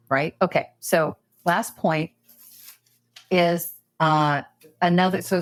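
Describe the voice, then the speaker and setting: Here a woman in her late fifties, guesting on a podcast, shares coaching advice in an animated, conversational style packed with fillers and restarts. Her voice is lowish, and there's no room sound.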